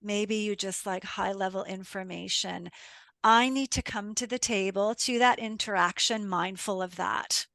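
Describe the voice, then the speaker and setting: A woman's voice: mid-range voice, steady tone, measured pace, sharp tone, dry recording. A middle-aged woman coach speaking reflectively to listeners, asking rhetorical questions and retelling client stories. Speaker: communication coach. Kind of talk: podcast talk with listeners.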